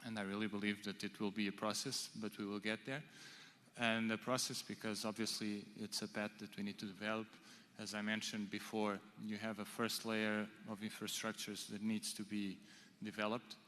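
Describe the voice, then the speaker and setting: A man answering on a conference panel, halting with many restarts and fillers. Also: lowish voice, level tone, fairly bright tone. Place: large conference hall. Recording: reverberant conference hall.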